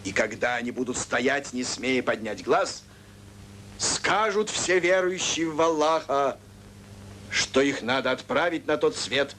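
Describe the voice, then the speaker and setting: An actor playing a stern, pious village judge who preaches and condemns solemnly in a historical film. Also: male voice, medium pitch, lively intonation, measured pace, sharp tone. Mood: solemn, condemning. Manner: solemn, declamatory. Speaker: religious judge. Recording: noisy old film soundtrack, crowd around.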